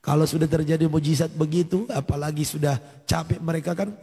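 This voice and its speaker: A man preaching with a husky, slightly high voice that rings in a long hall reverb. He tells his story animatedly, acting out the dialogue and breaking into hallelujahs, like a pastor at a church service. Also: fairly even intonation, brisk, mellow. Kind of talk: sermon testimony at a morning prayer service.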